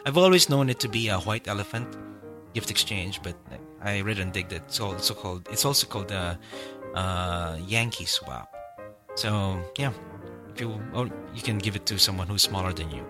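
A man hosts a casual podcast, his voice sitting a little low. He rambles through his points with frequent fillers and restarts while music plays clearly behind him. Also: animated, normal speed. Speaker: podcast host.

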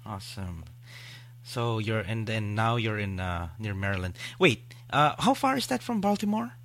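A man's voice: lowish voice, very animated, normal speed, fairly bright tone. A man hosting a podcast, chatting casually and rambling with many fillers and restarts. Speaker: podcast host.

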